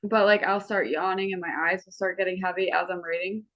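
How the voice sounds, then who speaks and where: A woman's voice: fairly low pitch, fairly even intonation, fairly quick. A woman co-hosting a podcast in casual, open chat, rambling with lots of "like". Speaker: podcast co-host. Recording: dull lo-fi recording.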